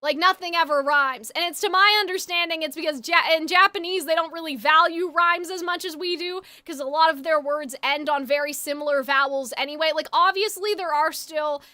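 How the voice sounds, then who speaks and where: A game livestreamer chats with her viewers in a high, bright, forceful voice, talking a little fast with few pauses on a dry recording. She rambles casually, opinionated and informal, and sounds slightly congested and phlegmy.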